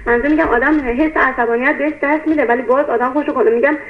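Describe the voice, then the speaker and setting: A woman's voice: high-pitched, steady tone. A woman calling in with a question, hesitant and full of fillers. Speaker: caller. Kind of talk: phone-in question. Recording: tinny phone line.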